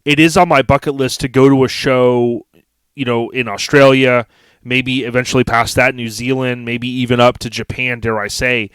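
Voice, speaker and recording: A man's voice: mid-range voice, flat delivery, normal speed, a bit bright, clean tone, no room sound. Chatty American man hosting a podcast, dry sound. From United States. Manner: enthusiastic, addresses listeners directly. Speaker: podcast host. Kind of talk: casual chat.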